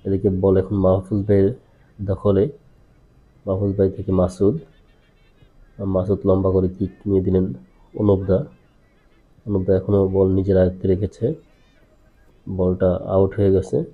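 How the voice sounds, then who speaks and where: A man improvising play-by-play football commentary as an amateur, halting and repetitive, with frequent hesitations as he passes from name to name. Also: sits low, level tone, slightly rough, narrow, tinny audio.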